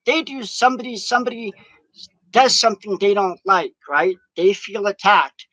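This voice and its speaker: A man gives a rambling, profane vlog monologue outdoors in the wind. His voice sits high. The sound is dry and close. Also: normal speed, bright, forceful tone, no room sound, muffled recording. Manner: profane, ranting.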